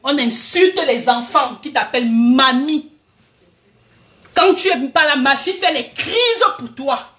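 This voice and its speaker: A woman's voice: high voice, measured pace, a bit bright. A woman, ranting heatedly at people she addresses directly, accusing them and repeating herself. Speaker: vlogger. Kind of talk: angry direct-address rant.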